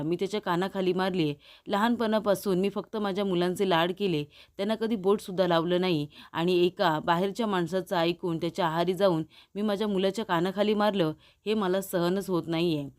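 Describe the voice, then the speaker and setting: A woman voicing a quiet, remorseful older father in a serial recap, subdued and guilty. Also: mid-range voice, steady tone, brisk, lightly acted.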